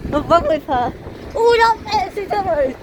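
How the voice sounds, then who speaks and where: A woman vlogging outdoors on her phone, excitedly reading out bus fleet numbers and number plates in a casual chatty way. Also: very high voice, moderate pace. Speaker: transport enthusiast vlogger. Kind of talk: casual spotting commentary. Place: outdoors by streets and bus stops. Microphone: handheld phone. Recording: noisy outdoor phone recording. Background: traffic and street noise.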